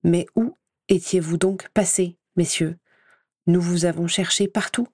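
A woman's voice: lowish voice, fairly even intonation, unhurried, a little mellow, breathy edge, no room sound, clean studio sound. A woman reading an audiobook voices a stern older female professor with a cold, clipped, reproachful manner.

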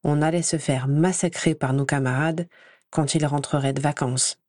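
A woman reading a first-person story aloud in a measured, clear storytelling manner. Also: low-pitched, steady tone, a little mellow, no echo, clean studio sound. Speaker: audiobook reader.

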